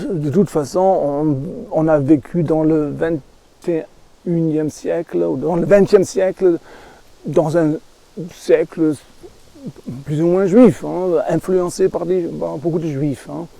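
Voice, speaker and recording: A middle-aged man with a foreign, German accent talks in a rambling monologue. His voice sits a little high for a man, yet is gravelly with fry, and the sound is close and dry. He pauses often to search for the right word. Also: steady tone, dark tone, no echo. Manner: halting, searching for words, with tag questions.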